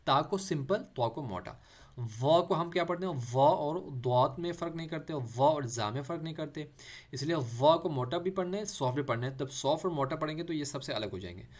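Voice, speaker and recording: A man teaching Quran reading, patiently saying letters one at a time and slowly drawing out recited words, with English words mixed in. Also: fairly high pitch. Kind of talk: letter-by-letter tajweed lesson.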